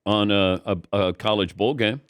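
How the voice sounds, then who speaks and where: A man's voice: on the low side, normal speed, smooth, dry recording. A middle-aged man hosting a sports talk show, asking curious questions in an easygoing way. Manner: curious, easygoing, laughs along. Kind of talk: casual interview questions.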